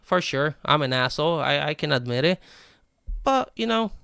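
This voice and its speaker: Combative, gravelly-voiced male streamer. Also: fairly high pitch, moderate pace, no echo, studio quality. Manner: profane, combative, swings between animated ranting and flat calm; repeats "right?" and restarts words. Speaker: live game streamer talking to chat. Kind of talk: unscripted stream rant.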